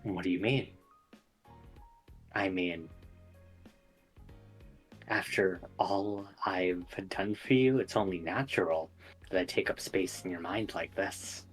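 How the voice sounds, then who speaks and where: Shadowy, disdainful sister apparition, played by a man, tabletop game, deep register, condescending and quietly menacing. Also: takes it slowly, pauses often, slightly rough, soft background music, heavily acted, low-quality recording. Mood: cold disdain.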